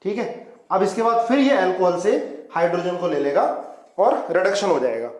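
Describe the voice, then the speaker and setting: A man's voice: sits high, lively intonation, moderate pace, a little mellow, echoey room, poor audio. A man teaching a chemistry lecture at a whiteboard, coaxing students and calling them "beta" as he walks through reaction mechanisms. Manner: coaxing, calls students "beta", asks them to follow along.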